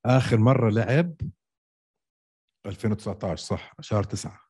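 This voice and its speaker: Husky, animated Palestinian-Jordanian Arabic-accented man. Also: lowish voice, a little fast. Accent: Palestinian or Jordanian Levantine Arabic. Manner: argumentative, repeats himself insistently. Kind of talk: casual sports debate.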